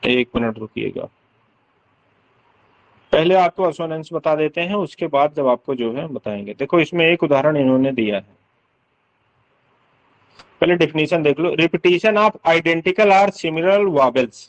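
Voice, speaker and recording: A man's voice: on the high side, lively intonation, unhurried, long pauses, low-quality recording. Man teaching literary terms patiently. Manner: explains patiently, repeats sounds and checks understanding with questions. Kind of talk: explaining literary terms in a lesson.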